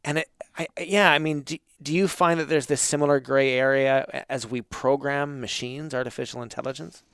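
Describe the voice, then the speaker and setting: A man's voice: medium pitch, steady tone, brisk, creaky, a bit bright, smooth, dry recording, studio quality. A man hosting a podcast, speaking in a thoughtful, reflective way. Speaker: podcast host. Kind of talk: interview and scripted intro.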